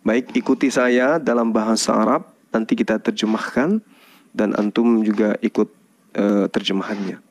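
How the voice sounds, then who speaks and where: A man preacher on a livestream, calmly guiding a new convert through a recitation phrase by phrase. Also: fairly low pitch, normal speed. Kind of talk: slow, measured religious guidance on a livestream.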